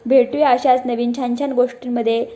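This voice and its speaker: A woman narrates a children's story in a gentle, expressive storytelling voice. Her tone is mellow and a little high. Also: fairly quick.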